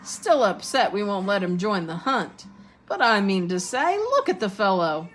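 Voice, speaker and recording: A woman's voice: mid-range voice, sing-song, unhurried. A woman reading aloud and voicing a boisterous headless horseman ghost who roars and teases in a hearty way. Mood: teasing. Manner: loud, hearty, teasing.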